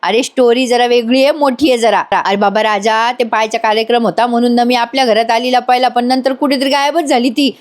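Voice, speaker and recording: A woman's voice: fairly high pitch, fairly even intonation, a little fast, few pauses, natural voice. A woman doing a wisecracking village sidekick. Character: joking young village man, sidekick.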